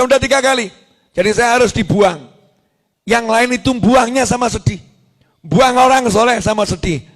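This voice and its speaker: A man preaching an Islamic sermon, telling a prophet's story with acted-out voices and jokes aimed at the women in the audience. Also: high voice. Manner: lively storyteller, acts out quoted voices, jokes with the women listeners.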